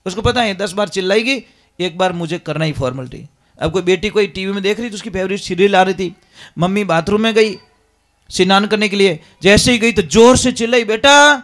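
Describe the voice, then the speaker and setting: A man's voice: high-pitched, fairly quick. A man preaching a devotional sermon, emphatic and repeatedly calling his listeners maharaj. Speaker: religious preacher.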